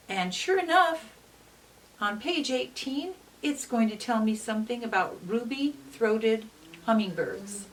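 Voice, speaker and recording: A woman teacher reads aloud to children for learning, pausing to explain with deliberate, instructive phrasing and stressing key words. Her pitch is medium, and the mic sits at a distance with faint hiss.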